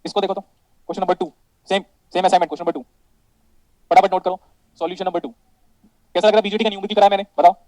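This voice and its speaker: A man with an Indian accent lectures a class on electronics, switching between Hindi and English. His voice sits high yet sounds dark and mellow, and the sound is dry and close. He quizzes the students, calls them "beta" and jokes with the class. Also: flat delivery, fast, long pauses, no room sound, rough recording. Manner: calls students "beta" and keeps asking if it is clear. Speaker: electronics teacher.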